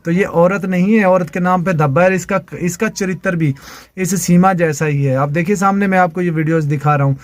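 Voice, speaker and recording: Casting: man, slightly high voice, dry close sound, indignant accusations. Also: steady tone, a little fast, no room sound. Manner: indignant, repetitive. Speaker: commentator. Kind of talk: accusatory commentary over videos.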